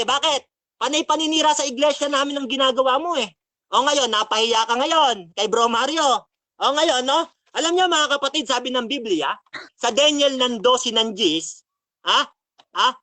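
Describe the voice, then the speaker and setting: A man with a notably high voice delivers a mocking debate rebuttal, firing scripture at his rival between taunts. The sound is dry and close, with no room around it. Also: sharp tone, no echo. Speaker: religious debater.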